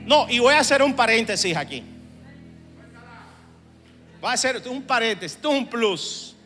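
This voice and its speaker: High, bright-voiced preaching man. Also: expressive, moderate pace. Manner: humorous, swings from chatty asides to shouted exhortation. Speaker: pastor. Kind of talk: sermon to church leaders. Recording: long hall reverb, faint music.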